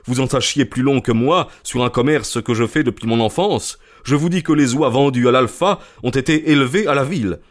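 A man reading an audiobook, voicing an irritable middle-aged goose seller who talks gruffly and boastfully. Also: mid-range voice, a little fast, few pauses, voice pushed up, lightly acted.

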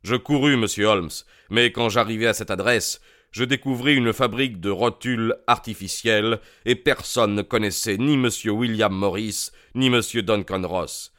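A man's voice: fairly low pitch, moderate pace, a bit bright, lightly acted. A man voicing a bewildered, aggrieved middle-aged client in an audiobook, earnest and plain. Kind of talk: audiobook character voice.

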